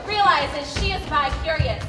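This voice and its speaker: A woman's voice: high-pitched, moderate pace, loud music behind the voice. A woman narrating and acting a stage comedy in a brash, theatrical way. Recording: echoey hall from far off.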